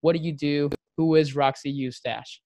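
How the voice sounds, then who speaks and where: A man's voice: a little high, steady tone, normal speed, mellow, no echo. A man from Venezuela, a nutrition coach hosting a podcast, talking casually with many ums and restarts. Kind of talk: casual podcast introduction and interview.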